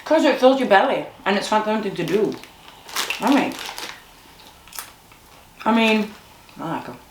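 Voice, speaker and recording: A vlogger with a Zimbabwean accent chats casually while tasting snacks, laughing often. Her medium-pitched voice is very animated at a normal speed. The room is echoey with faint noise.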